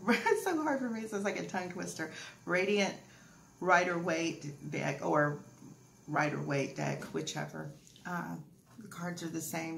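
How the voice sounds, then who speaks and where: A woman's voice: on the low side, gravelly, echoey room, slight background noise. A woman giving a chatty, rambling tarot reading, full of fillers and asides. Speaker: tarot reader. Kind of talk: casual tarot reading to camera.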